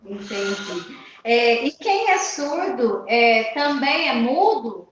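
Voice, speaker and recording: A woman's voice: a little high, animated, takes it slowly. A woman hosting an interview, asking conversational questions in a hesitant way as she thinks aloud. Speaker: host. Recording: very echoey, muffled live-stream audio with faint hiss.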